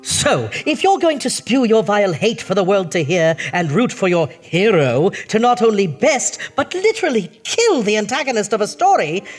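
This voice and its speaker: A man playing a campy horror-show host in a comedy sketch, speaking in a theatrical, melodramatic way with a breathy voice. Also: sits high, very animated, normal speed, few pauses, soft background music. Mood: hammy.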